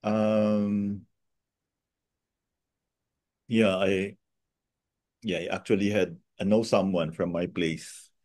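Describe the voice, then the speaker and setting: A man's voice: lowish voice, darkish tone, no room sound, clean studio sound. A man with a Filipino accent teaching an informal online review, mixing Tagalog and English and often checking in with short tag questions. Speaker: teacher of a Chinese medicine review.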